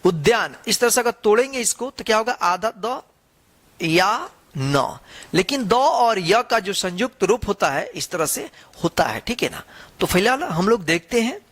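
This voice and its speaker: Patient online reading tutor; very slow, animated pitch, sounds out each syllable and mixes English terms into the explanation. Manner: reads slowly one word at a time, spelling out letters and joined forms. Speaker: Hindi reading teacher. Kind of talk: online reading lesson, reading a story word by word.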